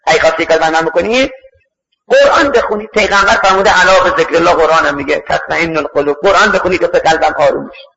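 A man preaching who voices a grieving but steadfast desert mother in a sermon story, speaking in a calm, restrained way. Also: fairly high pitch, creaky, echoey room, lo-fi sound.

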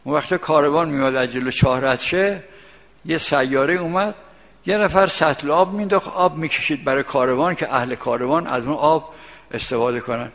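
Older male preacher with a gravelly voice, recites verses and glosses them in plain talk, reverberant hall recording. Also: a little high, a bit bright, slight background noise. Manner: recites Arabic verses, then explains them in colloquial Persian. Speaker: Quran commentator. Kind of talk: religious commentary lesson.

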